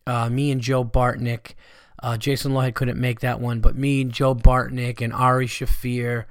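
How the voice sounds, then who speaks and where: A man's voice: mid-range voice, little pitch movement, normal speed, no echo, studio quality. Congested, stuffy-nosed man rambling casually. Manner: rambling, conversational, swearing freely. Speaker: stand-up comedian hosting a podcast. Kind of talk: casual podcast monologue.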